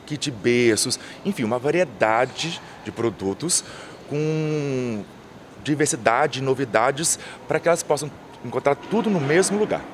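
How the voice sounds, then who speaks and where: Standing outdoors by a painted mural wall, a man in his thirties who works as an event coordinator answers on-camera interview questions into a handheld reporter mic. He speaks at a measured pace in a medium-pitched, animated voice, listing items fluently but restarting often. Background noise is present.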